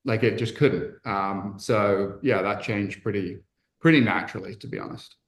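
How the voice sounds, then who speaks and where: A man's voice: lowish voice, normal speed. A man from England, a podcast guest and entrepreneur, speaking candidly and reflectively in casual conversation, with frequent fillers and restarts.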